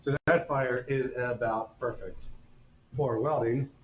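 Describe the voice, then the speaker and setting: A man's voice: mid-range voice, fairly even intonation, slow, echoey room, narrow, tinny audio, a little hiss or hum. A man teaching blacksmithing on a live stream, explaining each step in a folksy, casual way. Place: forge workshop.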